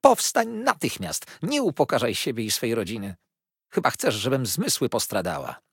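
A man voicing a fussy, chattering old mother-in-law who gushes loudly and turns indignant. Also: huge pitch swings, moderate pace, slightly rough, no room sound, clean studio sound. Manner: shrill, gushing and loud.

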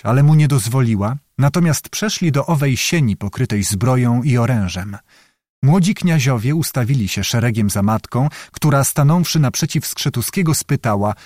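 A man narrating an audiobook of a historical novel in a measured, even manner. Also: mid-range voice, no room sound, clean studio sound.

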